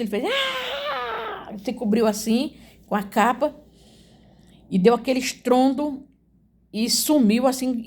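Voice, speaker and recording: Woman telling her faith testimony, kinda high voice, earnest and repeating herself a lot. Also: a little mellow. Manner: earnest, repetitive, addresses listeners as "gente". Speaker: believer giving a testimony. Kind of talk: emotional religious testimony.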